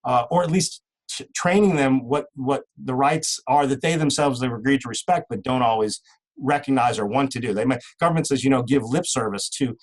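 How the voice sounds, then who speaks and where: A man's voice: mid-range voice, a little fast, poor audio. A man talking as a guest in a casual interview, rambling with many restarts and fillers.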